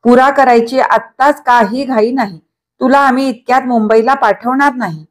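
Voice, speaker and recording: A woman's voice: a little high, moderate pace, pitched above the performer's own voice, lightly acted. A woman voicing a blunt young uncle who teases his niece, in a read-aloud novel. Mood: teasing.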